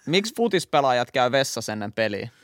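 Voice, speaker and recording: Young dude, voice all over the place, teasing and joking, dry close mic. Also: male voice, mid-range voice, big pitch swings, no echo. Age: young adult. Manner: playful, teasing, crude humor. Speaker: podcast co-host. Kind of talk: casual chat trading bad jokes.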